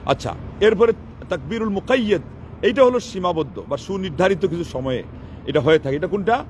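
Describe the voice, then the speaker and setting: A male preacher gives a sermon. He explains each ruling patiently and poses questions he then answers himself. A faint hum of traffic sits behind him. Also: sits high. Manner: explanatory, asks and answers his own questions. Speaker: Islamic preacher.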